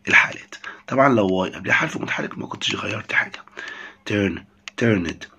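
A man's voice: fairly low pitch, animated, fast, creaky, pushed and bright, slightly rough, in a whisper, dull audio. A man with an Egyptian Arabic accent teaching English vocabulary, saying each word twice and explaining it in Arabic.

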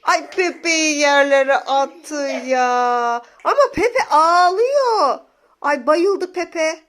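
Very high-voiced, animated young mother. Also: drawn-out words. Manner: animated, coaxing, exclamatory. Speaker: mother playing with her child on camera. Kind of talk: playful chat to viewers and a toddler.

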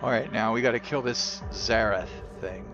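A man's voice: on the low side, normal speed, muffled recording, music in the background. A man with a strained, cracking voice giving casual, sweary commentary as he plays a video game. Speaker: gameplay streamer.

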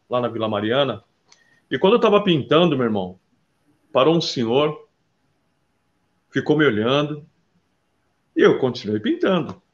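Guy artist in an interview, lively storytelling, kinda high voice, muffled lo-fi sound. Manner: lively storyteller, calls listener "brother". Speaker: interview guest, visual artist. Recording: dull lo-fi sound.

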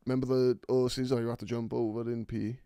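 A man's voice: medium pitch, flat delivery, fairly quick, warm tone, clean tone, no echo. A young man co-hosting a casual podcast, telling blunt, sweary stories. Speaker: podcast co-host. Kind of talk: casual chat.

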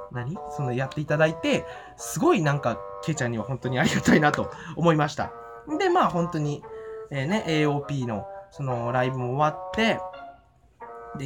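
A man giving an excited, giddy and rambling fan report from home, full of fillers and giggles. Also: on the high side. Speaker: fan vlogger. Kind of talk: casual event report vlog. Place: at home after the event.

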